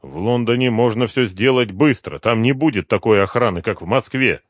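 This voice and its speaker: A man's voice: medium pitch, moderate pace, no room sound, clean studio sound, voice pushed up, natural voice. A man voicing a cold, calculating colonel on the run who talks in terse, hard commands. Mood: calm.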